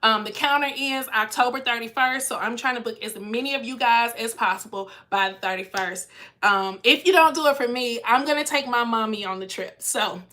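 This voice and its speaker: A woman's voice: fairly high pitch, fairly quick, bright, forceful tone. A young woman chatting casually on a live stream as a cruise vlogger and travel agent, her voice nasal and congested from a cold. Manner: chatty, reads out viewer comments.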